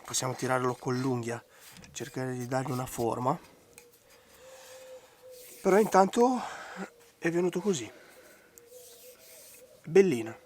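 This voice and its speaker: A man with a hoarse, congested voice giving out from a bad cold, talking casually through a hands-on craft tutorial. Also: mid-range voice, a little slow, pauses often, darkish tone, slight background noise. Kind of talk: casual hands-on DIY commentary. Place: outdoors in a garden.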